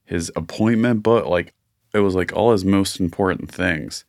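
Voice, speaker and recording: Low gravelly guy rambling on a podcast, dry close sound. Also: moderate pace, darkish tone, dry recording. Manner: rambling, many "like" fillers, enthusiastic. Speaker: podcast co-host. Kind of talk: casual chat.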